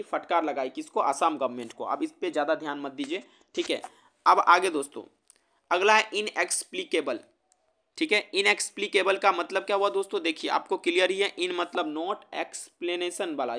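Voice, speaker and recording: Bright-voiced man teaching vocabulary. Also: a little high. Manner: explains with memory tricks and checks understanding; reads English examples slowly. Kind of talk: vocabulary lesson.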